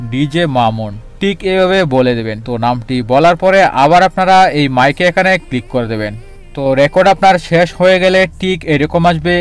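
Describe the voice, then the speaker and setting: A man with a clean, resonant voice that sits a bit high for a man guides viewers through a phone app. He goes step by step and repeats his instructions. Soft music plays underneath. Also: clear, resonant tone. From Bangladesh. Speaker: tech tutorial host. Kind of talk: phone app tutorial walkthrough.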